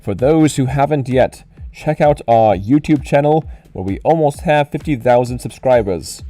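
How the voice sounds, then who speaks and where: A man's voice: mid-range voice, animated, moderate pace, dark tone, faint music behind. A man streaming live, talking into a cup for a muffled effect and making mock-grand, herald-style announcements. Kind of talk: live stream chat during ad break.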